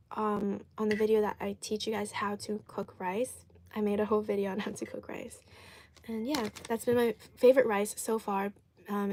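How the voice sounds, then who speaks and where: A woman's voice: medium pitch, darkish tone. A woman live streaming an eating show, chatting casually and answering viewers while chewing and talking with food in her mouth.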